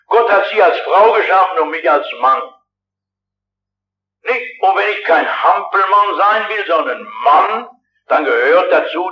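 A man in his sixties preaching a revival sermon in a large hall, urgent and fervent, speaking straight to his listeners. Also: on the high side. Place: large hall with a big audience. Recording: dull lo-fi archival recording.

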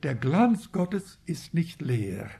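A man's voice: fairly high pitch, sing-song, slow pace, creaky, mellow. A man preaching a Bible teaching sermon, reflective and asking rhetorical questions.

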